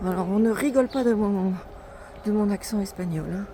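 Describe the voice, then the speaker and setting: A woman's voice: medium pitch, brisk, dark tone. A woman chatting casually as she walks a mountain trail, narrating her pilgrimage for a vlog. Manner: chatty, narrating while hiking uphill. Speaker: pilgrim vlogger. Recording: outdoor wind and ambient noise.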